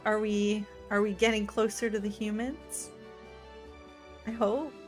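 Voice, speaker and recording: A woman streamer giving excitable, gushing let's-play commentary, full of "like" fillers. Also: on the high side. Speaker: gaming streamer.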